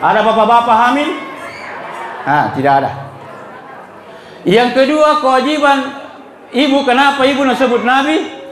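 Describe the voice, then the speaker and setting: A man's voice: very high voice, lively intonation, normal speed, pauses often, a bit bright, some chatter behind. A middle-aged man with a South Sulawesi Indonesian accent, preaching at a religious gathering in a joking, storytelling way and putting questions to the audience. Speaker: Islamic preacher. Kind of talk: humorous sermon with anecdotes. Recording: echoey hall with audience murmur.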